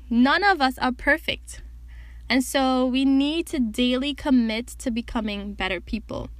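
A young woman hosts her own podcast in a loose, chatty way, teasing and bossing her listeners with a laugh. Her voice sits high, and the sound is close and dry with no room echo. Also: fairly bright tone. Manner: chatty, joking and bossy. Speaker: podcast host. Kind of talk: casual solo podcast talk.

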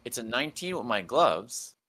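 A man's voice: medium pitch, sing-song, normal speed, pushed and bright. A man playing a tabletop game and explaining his moves in casual chat.

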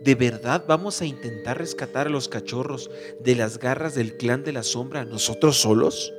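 A man's voice: mid-range voice, moderate pace, close to an everyday voice. Man doing a worried young tomcat, whispering. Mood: whispered. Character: young male cat, anxious and loyal. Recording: background music bed.

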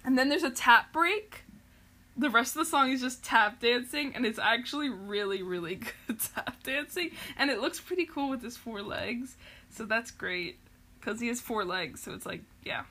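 Young woman, podcast host, rambling casual chat, lots of fillers, giggly, bright voice, slightly high. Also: expressive, moderate pace. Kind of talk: casual chat recapping a show.

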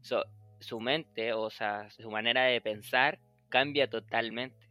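A man hosts a relaxed conversational podcast and talks his ideas through loosely. He pads his sentences with fillers and slips in English words. His voice has a bright, sharp edge, and soft music sits faintly behind him. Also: mid-range voice, slow, no echo. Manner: rambling, heavy use of fillers like "o sea" and "eh". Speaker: podcast host.

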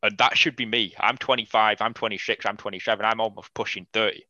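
A man talking football in a casual podcast chat, blunt and animated, swearing freely. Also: lowish voice, fast talker, no echo. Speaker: podcast guest. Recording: slightly dull, lo-fi mic.

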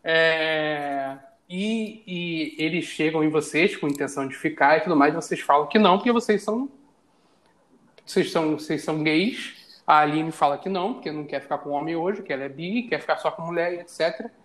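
A man with a Brazilian Portuguese accent hosting a casual chat, asking his guests questions in a playful, relaxed way. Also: on the high side, a little fast. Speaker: podcast host.

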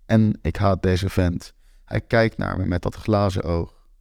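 A man narrating a first-person story in a blunt, matter-of-fact way. His voice sits very low, with a gravelly rasp, and the recording is close and dry with no room sound. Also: steady tone, unhurried, a little mellow, no echo.

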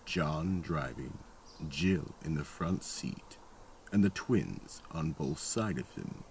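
Gravelly, very deep male horror host. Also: expressive, darkish tone, slight background noise. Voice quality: gravelly, husky. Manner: theatrical horror host, sinister, drawn-out delivery. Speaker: host and narrator of a horror audio drama series. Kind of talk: scripted narration.

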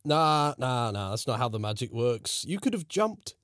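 A man's voice: medium pitch, very animated, moderate pace, dry recording, studio quality. A man playing a tabletop game, joking around. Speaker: player.

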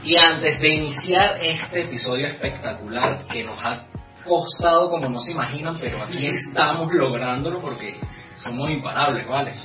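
A man's voice: on the high side, normal speed. A man hosting a casual podcast chat, upbeat and laughing easily. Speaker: podcast host. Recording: echoey room, distant lo-fi mic, music.

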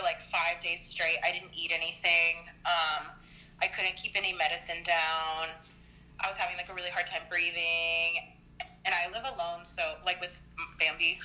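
A woman's voice: fairly low pitch, pushed and bright, slight background noise, rough recording. A woman in her early twenties, chatting casually on the phone, rambling with lots of "like"s and coughing now and then as she gets over an illness. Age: early 20s.

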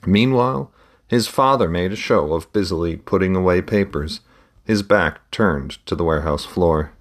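A man narrating a fantasy story aloud in a steady, measured reading. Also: sits low. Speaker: audiobook narrator.

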